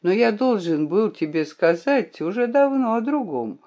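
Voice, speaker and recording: A reader voicing a young man, anxious, defensive, audiobook reading, lively pitch, muffled lo-fi recording. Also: unhurried, close to an everyday voice. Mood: earnest.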